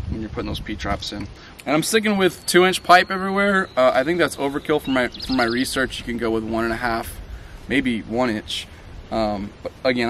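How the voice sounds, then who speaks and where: A man's voice: medium pitch, a little hiss or hum. A man in his thirties giving a casual, step-by-step how-to tour of the plumbing at his outdoor building site, with plenty of ums and uhs. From Tennessee. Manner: relaxed, many ums and uhs, explains step by step. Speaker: DIY home builder.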